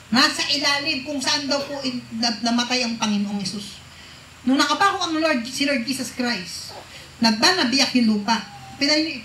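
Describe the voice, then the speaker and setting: A woman's voice: high voice, sharp tone, a little hiss or hum. A woman preaching a sermon to a congregation, often asking them questions and mixing English phrases into her talk. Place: church hall with a congregation. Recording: echoey church hall.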